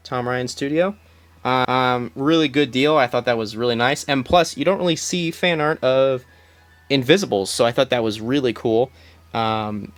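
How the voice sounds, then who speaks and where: A man's voice: medium pitch, a bit bright. Rambling young man touring his collection. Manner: rambling, many ums and restarts. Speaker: collector giving a room tour. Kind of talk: casual filmed walkthrough. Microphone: phone camera.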